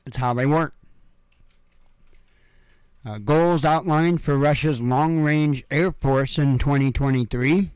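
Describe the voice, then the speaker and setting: At home, a man from Illinois who hosts a news commentary show casually reads through headlines, tossing in rambling, offhand asides packed with fillers. His voice is a little high and darkish yet clear and resonant, and he takes it slowly with long pauses. The recording is dry.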